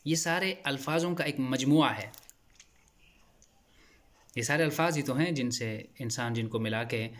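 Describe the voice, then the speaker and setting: A man in a mid register gives an earnest, explanatory advice talk as a channel host. He circles back and repeats words as he builds his points, and his pitch lifts when he leans into an idea. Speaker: channel host speaking on stammering.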